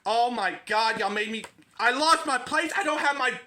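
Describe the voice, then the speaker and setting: A man voicing an exasperated romance reader who loudly scolds in a comic skit of arguing with himself. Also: very high voice, moderate pace, pitched above the performer's own voice. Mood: flustered, fed up. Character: exasperated shouting romance-novel reader, fed up with bickering.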